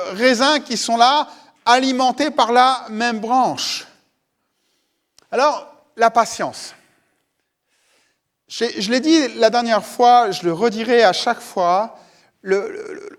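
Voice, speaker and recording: High-voiced pastor preaching. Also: male voice. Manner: conversational, addresses listeners directly, often repeats words. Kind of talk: sermon. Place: church service.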